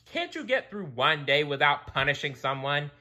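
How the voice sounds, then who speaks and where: A man's voice: on the high side, very animated, moderate pace, bright, forceful tone, pitched above the performer's own voice, heavily acted. A man voicing an earnest young mermaid princess in a storybook read-aloud, pleading and scolding.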